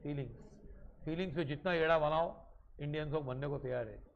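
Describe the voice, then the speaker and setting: A man's voice: on the high side, brisk, highs cut off. A man teaching a commerce class. He asks questions and answers them himself, and he mixes English terms into his Hindi. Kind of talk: classroom lecture.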